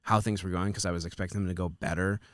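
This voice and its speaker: A man's voice: sits low, fairly even intonation, fast, dry recording, studio quality. A man in his twenties hosting a podcast, chatting casually and rambling with lots of fillers and swearing. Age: 20s. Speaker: podcast host.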